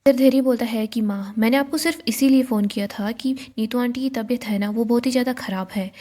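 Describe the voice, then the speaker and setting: Soft-spoken woman retelling a drama. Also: a little high, fairly quick. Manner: retells scenes and reads out characters' lines in her own voice. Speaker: serial recap narrator. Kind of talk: storytelling recap of a TV serial.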